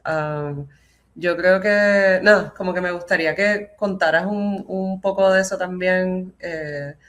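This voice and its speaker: A woman's voice: fairly low pitch, a little slow. A woman moderating an informal panel conversation in tentative, circling phrases.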